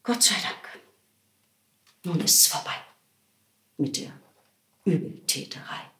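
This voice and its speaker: An actress reading a children's verse story aloud in a playful way, dropping to hushed tones and jumping high for the characters, in a theatre props workshop. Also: female voice, lively intonation, slow. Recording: roomy echo.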